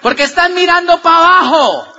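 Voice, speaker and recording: A man giving an energetic motivational talk, swinging from loud shouts to low murmurs as he acts out dialogue. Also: normal speed, long reverb tail, lo-fi sound, slight background noise. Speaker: motivational speaker.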